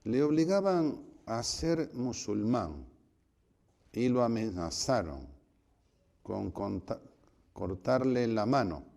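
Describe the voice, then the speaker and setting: A man, a priest, giving a spiritual retreat conference, telling stories and acting out voices with sudden shouts. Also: mid-range voice, expressive, slow pace, creaky, long pauses. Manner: storytelling, acts out voices with loud shouts.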